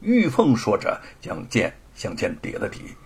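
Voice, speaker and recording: A man narrating a traditional story in a dramatic, animated storytelling style, with a husky voice. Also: measured pace. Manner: dramatic, highly animated delivery.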